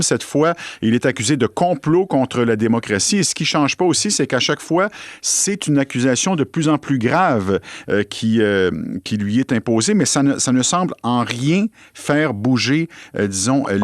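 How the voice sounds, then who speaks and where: A man's voice: medium pitch, no room sound, studio quality. A man hosting a radio talk show, leading into news items with fillers. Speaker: radio host.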